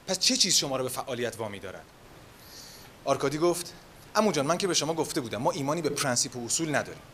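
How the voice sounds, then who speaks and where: An actor playing a man who reads a novel aloud in a measured, expressive way to a gathering. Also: mid-range voice, a little hiss or hum, natural voice. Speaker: reader at a literary gathering.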